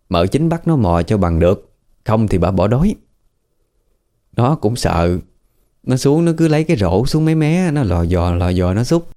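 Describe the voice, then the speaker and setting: A man's voice: fairly low pitch, mellow. A man with a Southern Vietnamese accent casually retelling a spooky family story in a chatty, folksy way, sometimes voicing what people said. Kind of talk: casual spoken ghost story.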